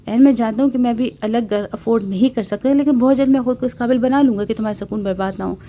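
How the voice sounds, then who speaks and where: A woman voicing a caring young husband who gently tries to persuade his wife. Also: on the high side, slight background noise, lightly acted. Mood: concerned.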